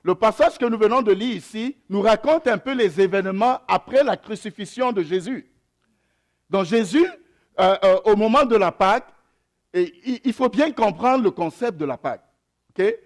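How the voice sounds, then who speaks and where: This sermon comes from a young pastor who grew up speaking an African mother tongue; he reads scripture slowly and then preaches in an animated way, with hesitations and repeated lines. His voice sits high.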